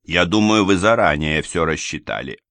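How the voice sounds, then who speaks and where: A stern provincial investigator presses his accusations with firm, controlled insistence, played by a man. His voice is very low and the sound is dry and close. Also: animated, moderate pace, fairly bright tone, dry recording. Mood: accusing.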